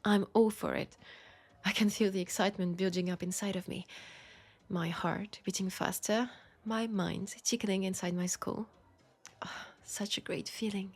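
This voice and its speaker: A woman with a French accent plays a seductive, world-weary vampire for an intimate audio roleplay, sounding seductive and eager. Her medium-pitched voice has fairly even intonation and is lightly acted, soft and deliberate and often sinking to a whisper.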